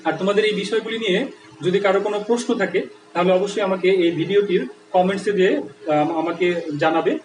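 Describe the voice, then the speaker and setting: A male teacher with a high, quick voice walks students through a grammar lesson step by step, checking often that they follow. He sounds set back from the mic in an echoey room with a faint hum of noise. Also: fairly even intonation, recorded from a distance. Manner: explanatory, with frequent checks like "right?". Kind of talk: online Bangla grammar lesson.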